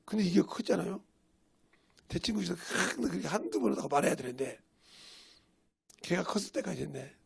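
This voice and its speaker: Male pastor preaching a sermon, high lively delivery, raspy gravel, rhetorical questions. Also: fairly quick, pauses often.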